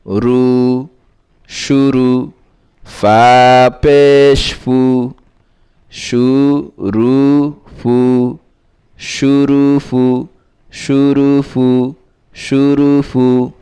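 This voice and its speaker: A male Quran reading teacher with a mellow, smooth, very clear voice. He drills syllables one at a time and at a very slow pace, then repeats each word over and over. Between drills he gives quick spoken instructions. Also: level tone. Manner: brisk, lower-voiced asides explaining between drills. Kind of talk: slow syllable-by-syllable recitation lesson.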